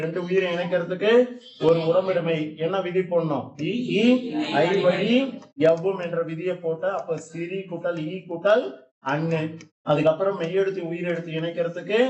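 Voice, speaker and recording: A man's voice: on the high side, a little mellow, reverberant, lo-fi sound. A man teaching a grammar lesson in a classroom, explaining step by step and putting questions to his students.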